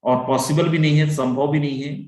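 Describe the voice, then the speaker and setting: A man's voice: fairly high pitch, steady tone, a little fast, darkish tone, echoey room. A man presenting an online sales webinar over a video call, talking persuasively, repeating "my friend" and mixing in English phrases.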